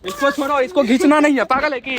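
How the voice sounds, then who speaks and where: A man's voice: very high-pitched, fairly even intonation, quick pace, background noise. Pushy young man bossing friends around. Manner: pushy, repeats commands. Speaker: vlogger pranking a friend. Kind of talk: heated casual argument.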